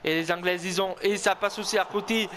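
Excitable high-voiced man gaming. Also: a little fast, a little hiss or hum. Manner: tense, excitable, cheering himself on, repeating words. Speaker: gaming video host. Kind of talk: excited self-commentary of a football video game.

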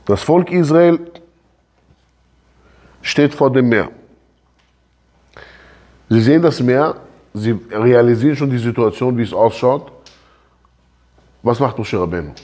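A man teaching a religious lesson as a rabbi, animated and often putting questions straight to his listeners. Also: mid-range voice, slow, pauses often. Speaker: rabbi teaching a Torah class.

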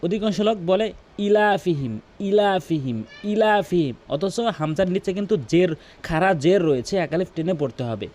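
A man teaching tajweed, demonstrating correct Quran recitation and repeating words slowly to show the right and wrong pronunciation. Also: high voice, expressive, warm tone. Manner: drawn-out melodic recitation in demonstrations.

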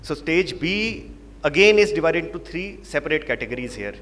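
A man with an Indian English accent presents and moderates a medical panel in a large conference hall, explaining things with emphatic repetition. His fairly high, bright voice is expressive at normal speed, picked up on a handheld microphone in a reverberant hall with faint background noise.

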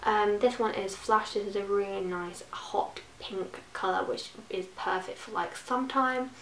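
Slightly croaky young British woman, roomy sound. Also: mid-range voice, steady tone, measured pace, a bit bright. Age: young adult. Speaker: beauty vlogger. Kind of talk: casual product review to camera. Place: small furnished bedroom, indoors. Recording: roomy echo, distant mic, faint hiss.

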